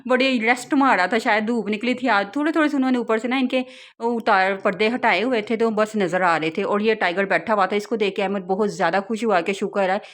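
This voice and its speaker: A young woman narrating her family outing in a relaxed vlog, chatting and laughing often as she tells it. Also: medium pitch, brisk. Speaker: vlogger, mother.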